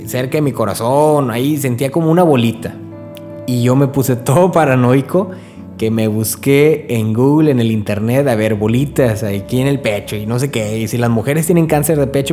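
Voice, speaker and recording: Earnest man with a mellow voice. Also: mid-range voice. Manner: earnest, conversational, speaks straight to the listener. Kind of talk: spoken spiritual reflection. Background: faint background music.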